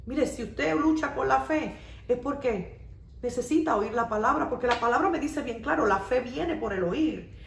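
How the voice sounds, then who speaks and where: A woman pastor preaches in an earnest, repeating cadence, weaving personal testimony into the message. Her voice sits a little high and sounds set back from the mic in an echoey room. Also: expressive, normal speed, creaky, far from the mic, a little hiss or hum. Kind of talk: radio sermon.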